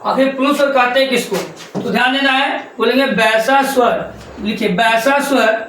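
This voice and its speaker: High-voiced man teaching in a very echoey room. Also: normal speed, a bit bright, a little hiss or hum. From India. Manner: repetitive, drills points with rhetorical questions. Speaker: Sanskrit grammar teacher. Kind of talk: classroom lecture to students.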